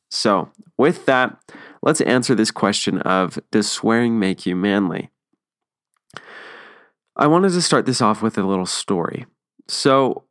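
A man's voice: on the low side, creaky, no room sound. A young man talking earnestly and casually as the host of a solo podcast, chatty with frequent ums and restarts, close to the mic. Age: young adult.

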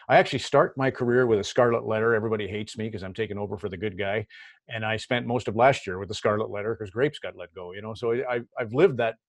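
A man's voice: on the low side, dry recording. A middle-aged Canadian man telling stories in a casual interview, often repeating words as he starts a thought. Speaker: hockey broadcaster guest.

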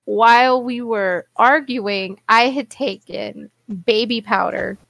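A woman co-hosting a podcast, telling a story in casual chat, animated and swearing freely as she acts out what people said. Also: fairly high pitch, slow pace, gravelly. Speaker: podcast co-host.

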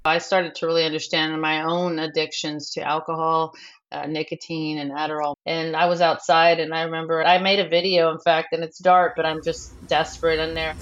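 A middle-aged bereaved mother speaking frankly in an interview, halting with lots of fillers. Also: low-pitched, flat delivery, dull audio. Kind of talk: candid personal interview.

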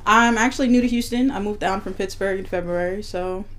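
A woman's voice: mid-range voice, fairly quick, slight background noise. Woman, 20s, podcast guest, dry easygoing answers, casual chat.

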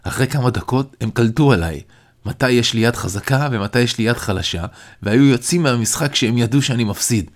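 A man narrating a novel aloud in the first person, in a measured, reflective way. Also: mid-range voice. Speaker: audiobook narrator.

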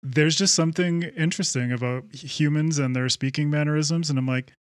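An excited man hosting a podcast, swearing freely and acting out his own past thoughts in casual chat. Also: on the high side, a little fast, no echo, studio quality. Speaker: podcast host.

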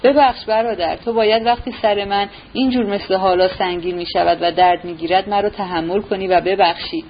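A woman voicing a gentle, anxious young prince who talks in an earnest, agitated way, in a dull recording with a faint hiss. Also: medium pitch, steady tone, hardly any pauses, natural voice. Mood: apologetic.

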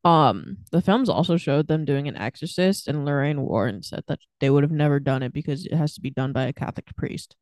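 Young woman co-host, low animated voice, skeptical and blunt. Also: fairly quick, few pauses, no echo. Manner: skeptical, laughs often, swears. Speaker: podcast co-host. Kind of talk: casual chat.

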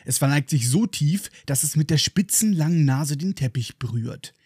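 A man with a German accent hosts a book podcast, retelling chapters in an ironic, playful way. His voice sits a little high and moves lively up and down. The sound is close and dry. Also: moderate pace, slightly rough, no room sound. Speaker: podcast host.

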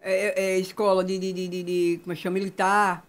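High-voiced man, opinionated and emphatic. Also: flat delivery, quick pace. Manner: emphatic, repeats his phrases. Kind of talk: casual opinionated chat.

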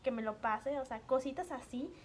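Mexican woman, lively storyteller. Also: high voice, moderate pace, slight background noise. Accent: Mexican Spanish. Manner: animated storytelling, acts out quoted dialogue. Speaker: guest. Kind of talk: casual podcast chat.

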